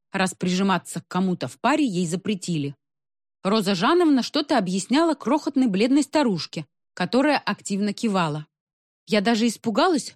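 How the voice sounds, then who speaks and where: A woman reading a story aloud in scripted narration, with a wry, expressive delivery. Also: medium pitch, dry recording, studio quality. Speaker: audiobook reader.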